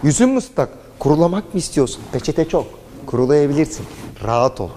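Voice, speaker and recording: A man with an Istanbul accent bosses and teases people in loud joking banter, pitched a bit high with a dark tone. The voice carries a long reverb, as in a large hall. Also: sing-song, brisk, a little hiss or hum. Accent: Istanbul Turkish. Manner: bossy, teasing, repeats short commands. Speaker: comic host filming in a restaurant.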